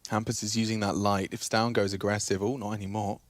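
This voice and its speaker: A man's voice: lowish voice, little pitch movement, fast, no room sound. A man giving live esports commentary as a play-by-play caster, in clipped running phrases.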